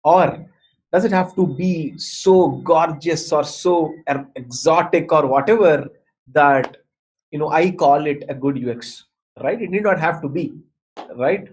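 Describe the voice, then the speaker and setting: This design mentor, a man with an Indian accent, gives an unhurried explanatory talk at a workshop, fielding questions in a slightly high voice. He's emphatic and repetitive, checking in with the audience often, and the recording is rough.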